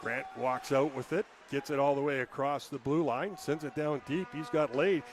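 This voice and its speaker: A man calling hockey play-by-play in a rapid running call, rising to shouts on scoring chances. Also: mid-range voice, fairly even intonation. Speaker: play-by-play announcer.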